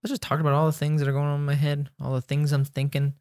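A man's voice: on the high side, little pitch movement, rapid-fire, darkish tone, clean tone, no echo, clean studio sound. A man hosting a podcast, chatting casually and rambling with lots of fillers and jokes. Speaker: podcast host. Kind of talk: casual chat.

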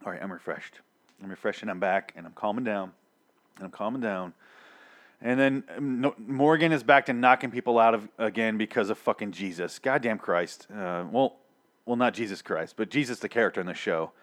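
His voice is fairly low and fairly bright, and he talks a little fast. The young TV reviewer rants about an episode with exasperation and profanity, restarting and drifting into asides as he gradually loses his voice.

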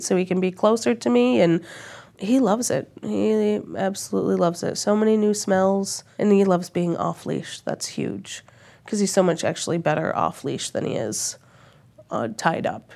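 A young woman from Minnesota, her voice stuffed up from a cold, chats casually in an interview about traveling in her van, rambling and restarting her sentences. Her medium-pitched voice is creaky and a little mellow. She's recorded in a lodge room at a campground.

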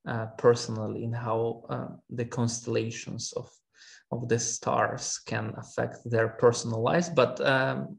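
A man from Armenia, a historian guest in an interview, speaking haltingly with many fillers and restarts. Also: mid-range voice, gravelly. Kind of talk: academic interview.

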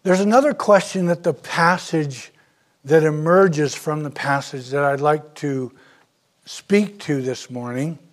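Male pastor, sermon delivery, slow and earnest, slightly raised pitch, emphatic on key lines.

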